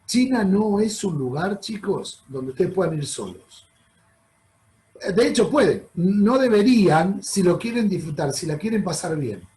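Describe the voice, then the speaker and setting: A travel presenter with a Rioplatense Spanish accent gives a chatty, explanatory talk over slides, calling his audience "chicos" and frequently checking in with "¿ok?". His voice sits high and is a little mellow, and the recording is rough.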